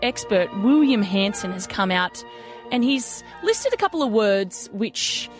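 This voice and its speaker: A woman with a broad, slightly rough Australian accent, bantering casually and playfully as a radio co-host. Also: mid-range voice, sing-song, measured pace, faint music behind. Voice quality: a little rough-sounding. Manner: playful, self-deprecating, colloquial. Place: radio studio.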